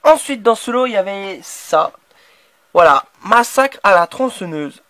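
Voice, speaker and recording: A French-accented man with a voice high for a man chats casually about the horror DVDs he bought, unboxing them in an animated, unhurried, enthusiastic way with a sharp tone. He rambles hesitantly, full of restarts and fillers. The recording is dry and close with no echo.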